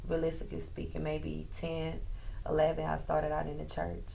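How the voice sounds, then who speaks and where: A woman's voice: low voice, completely flat delivery, normal speed, creaky, warm tone, a little hiss or hum. A woman musician, a guest on a talk show, talking in an earnest, rambling way. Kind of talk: casual chat.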